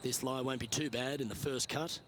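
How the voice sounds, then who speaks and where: A man playing a composed lead golf commentator, calling each shot in a measured broadcast style for a video game. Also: mid-range voice, steady tone, noisy background, natural voice. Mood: composed, engaged. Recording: crowd and outdoor ambience behind.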